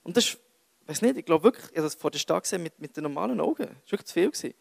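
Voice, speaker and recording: A man's voice: on the high side, lively intonation, very fast, gravelly, no room sound. A young man with a Swiss German accent giving a casual, self-mocking sermon full of jokey asides. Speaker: youth preacher.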